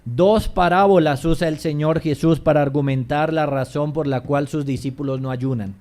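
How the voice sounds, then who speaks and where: A male pastor preaching a sermon, addressing the congregation as brothers, swinging between hushed low passages and raised emphatic lines. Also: moderate pace.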